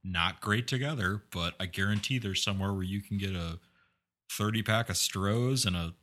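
A man from eastern Iowa co-hosting a podcast in casual chat, making dry deadpan jokes. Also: on the low side, normal speed. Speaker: podcast co-host.

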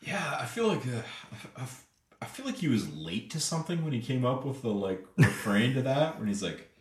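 A man's voice: mid-range voice, very animated, fairly quick. A man co-hosting a music podcast, making dry jokes and restarting his sentences with a stammer. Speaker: podcast co-host. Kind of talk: casual music podcast chat. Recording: roomy echo, faint noise.

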